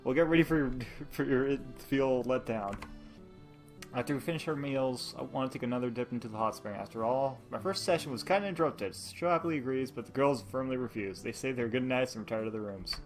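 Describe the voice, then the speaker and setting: A man reads a dating-style game aloud, his voice sitting at an ordinary middle pitch. He breaks off to laugh and crack jokes, tripping over words as he goes. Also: brisk, soft background music. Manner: laughs often, jokes, stumbles over words while reading. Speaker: let's play host. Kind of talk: reading a visual novel aloud with commentary.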